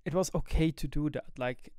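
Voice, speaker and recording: A young gaming YouTuber and streamer from Switzerland, with a German-tinged accent, gives a candid, thoughtful monologue to camera from a small home gaming room, often pausing to search for English words. His slightly high, smooth voice has a sing-song lilt and a warm tone. Wearing a headset, he speaks close to a boom-arm studio mic, and the sound is dry and close, with no echo.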